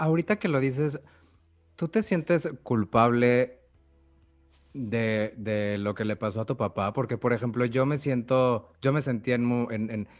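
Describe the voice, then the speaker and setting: A man hosting an interview, asking earnest, halting questions and sharing his own experience. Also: mid-range voice. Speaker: host. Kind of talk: interview conversation.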